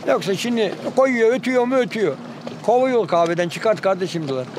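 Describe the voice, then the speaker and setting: Man, high pitch, animated bird-call imitator, clear outdoor and boat noise behind. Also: fairly quick. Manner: animated, rattles off birdsong imitations. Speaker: bird enthusiast. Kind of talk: documentary interview.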